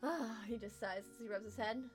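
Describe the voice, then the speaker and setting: A woman's voice: a little high, a little fast, soft background music. A woman narrating a tabletop role-playing game casually as game master.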